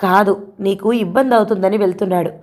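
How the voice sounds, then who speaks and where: A woman voicing a calm, thoughtful young woman who reasons with her upset friend. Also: medium pitch, a little fast, lightly acted. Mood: reasoning. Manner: reflective, reasoning.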